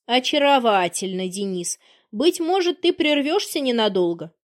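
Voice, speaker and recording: Woman narrator doing a furious ex, biting and scornful, kinda high voice. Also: big pitch swings, moderate pace. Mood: mocking. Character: furious jilted woman, sharp-tongued and accusing.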